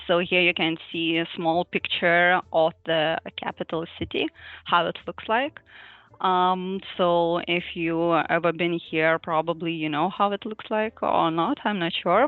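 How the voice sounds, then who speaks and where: A Lithuanian woman presents to an online user group over a video call, sounding hesitant, with frequent fillers and small laughs. Her voice is fairly low, with no room sound; the audio is thin, phone-like and dry, with faint music.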